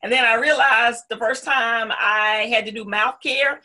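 A woman's voice: a little high, fairly even intonation, a little slow, bright, forceful tone, low-quality recording. A middle-aged woman with a Southern US accent, telling her story conversationally as an interview guest, emphatic and full of folksy asides. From North Carolina, southern United States.

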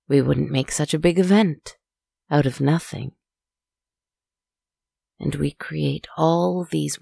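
A woman softly narrating a guided relaxation story in a hushed, soothing, spa-like manner, with deliberate, poetic phrasing. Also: low-pitched, gravelly, breathy edge, no room sound, clean studio sound.

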